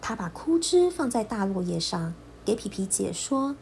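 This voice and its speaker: Lively woman reading a children's story. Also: medium pitch. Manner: expressive, lilting, slow and clear.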